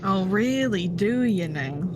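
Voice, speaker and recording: A woman's voice: medium pitch, lively intonation, takes it slowly. A woman voicing a dry, prickly skeleton outlaw in a tabletop game, hesitant and sardonic. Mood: dry, casual. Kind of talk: tabletop role-play. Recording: noticeable background noise.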